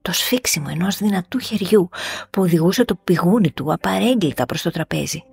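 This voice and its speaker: Low gravelly woman reading a bedtime story. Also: animated, darkish tone. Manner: slow, soothing reading. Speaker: podcast host and narrator. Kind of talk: calm bedtime audiobook narration.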